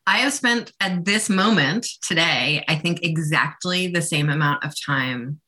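A woman lawmaker from Vermont chats on a radio show, her voice low but bright and crisp. She talks earnestly, with plenty of "like" fillers. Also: a little slow. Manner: earnest, chatty, many "like" fillers. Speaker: state representative. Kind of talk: casual radio conversation.

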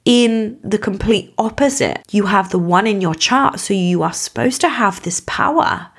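Croaky-voiced woman giving a spiritual lesson. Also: mid-range voice, moderate pace. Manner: earnest, emphatic, reassuring, speaking directly to listener. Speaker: podcast host. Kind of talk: spiritual teaching monologue to listener.

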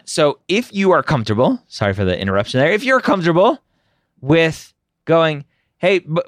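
A middle-aged American podcast host takes listener questions in a casual advice Q&A, speaking in a mid-range voice. There's no echo, and the sound is studio quality. His advice is candid and opinionated, with points tagged by a rhetorical "right?".

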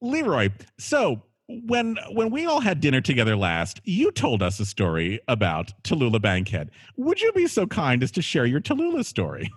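A man hosts a conversational podcast interview. His mid-pitched voice is somewhat rough and very lively in melody, and he speaks effusively, repeating phrases for emphasis. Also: normal speed, hardly any pauses. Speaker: host.

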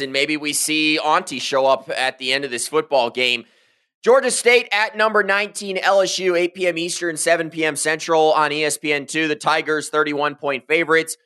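A man's voice: fairly high pitch, steady tone, a little fast, pushed and bright, clear, resonant tone. A man co-hosting a college football podcast, running the segments with upbeat quips. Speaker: podcast co-host. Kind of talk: sports podcast chat.

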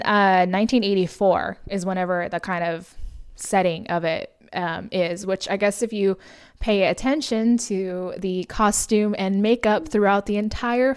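Recapping a movie on a casual podcast she co-hosts, an American woman rambles, laughs a lot and leans heavily on filler words while her voice gives out. It's medium-pitched, clear and resonant, and she speaks unhurriedly.

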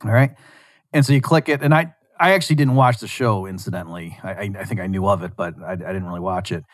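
A man's voice: deep voice, quick pace, no room sound. Man rambling through a story. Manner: rambling, animated, frequent restarts. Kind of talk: casual storytelling monologue.

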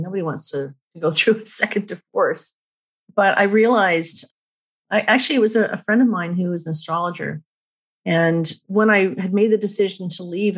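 A woman's voice: lowish voice, husky. A middle-aged woman, a numerologist, telling personal stories candidly and emphatically in a podcast interview. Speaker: numerologist guest.

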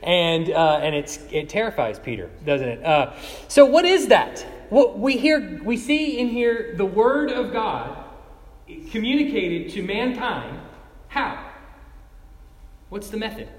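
A man's voice: high-pitched, sing-song, slow pace. A man teaching a Bible class, chatty and laughing often as he calls on students by name. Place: large room with a class. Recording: echoey hall with long reverb.

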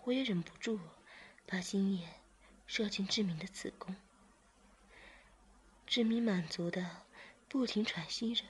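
A woman reading a first-person story in a hushed whisper, slow and airy. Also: medium pitch, slight background noise. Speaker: narrator.

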